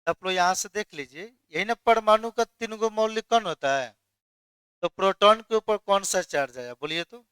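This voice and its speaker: High, bright male teacher. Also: normal speed, smooth, no room sound. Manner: quizzes students, then answers his own questions. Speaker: chemistry teacher. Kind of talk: classroom lecture.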